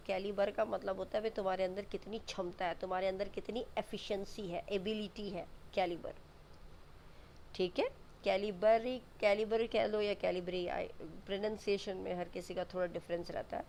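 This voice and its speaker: A woman teaches exam vocabulary in an easy, patient way, repeating each word and spelling it letter by letter. Her voice sits at a middle pitch. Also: steady tone, normal speed, slight background noise. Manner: mixes Hindi explanations with English definitions. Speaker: English teacher.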